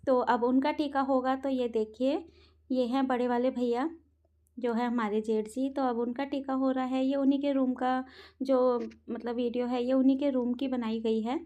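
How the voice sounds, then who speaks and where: A middle-aged woman with a slightly hoarse, sore throat, narrating her family vlog in a chatty, rambling way with many fillers. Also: high-pitched, level tone, moderate pace, warm tone. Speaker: vlogger. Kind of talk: casual voice-over narration.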